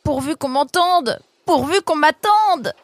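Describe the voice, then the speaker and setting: A woman voicing an eager, excitable young male reporter in a children's audio story, speaking high and breathless. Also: measured pace. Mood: excited.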